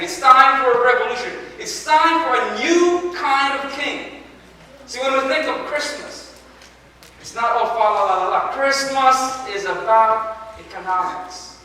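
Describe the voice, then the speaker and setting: Man, pastor, sermon, high voice, rhetorical questions, echoey church hall, far from mic, faint background noise. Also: lively intonation, unhurried, bright, forceful tone. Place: church sanctuary.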